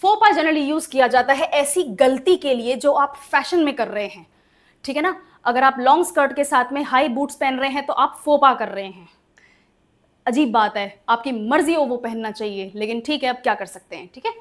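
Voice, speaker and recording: High-voiced woman teaching vocabulary. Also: moderate pace, a bit bright. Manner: explains step by step, spells words letter by letter, asks checking questions. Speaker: English teacher. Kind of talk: exam-prep vocabulary lesson.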